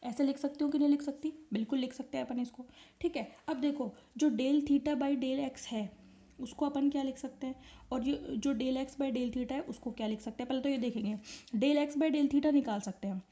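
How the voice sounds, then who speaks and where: Woman teacher explaining physics step by step, high mellow voice, dull lo-fi sound. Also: steady tone, moderate pace. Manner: explains step by step and keeps asking the class if they follow. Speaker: physics lecturer. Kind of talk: online lecture.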